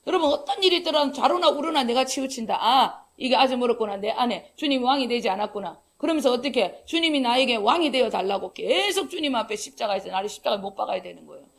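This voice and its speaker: High, gravelly woman pastor preaching. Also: fast talker, hardly any pauses. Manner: animated storytelling, acting out quoted dialogue, laughing. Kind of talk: sermon.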